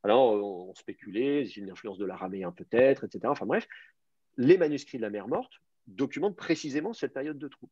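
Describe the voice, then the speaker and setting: A man's voice: mid-range voice, expressive, fairly quick, warm tone, slightly rough, no room sound. A man teaching an advanced Hebrew class, explaining grammar and word roots with many fillers and restarts. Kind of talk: online language class. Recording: dull lo-fi sound.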